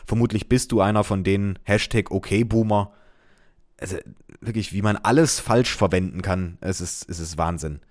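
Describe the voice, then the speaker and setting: A man reading out reactions to his post with sarcastic, deadpan asides in casual commentary. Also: lowish voice. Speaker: social media commentator.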